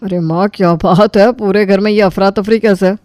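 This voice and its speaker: A flustered grown son demands to know what is going on in a cartoon family story, as a woman puts him on. The voice sits mid-pitch and sounds dry and close. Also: fairly even intonation, moderate pace, darkish tone, dry recording, close to an everyday voice. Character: impatient grown son, brother-in-law.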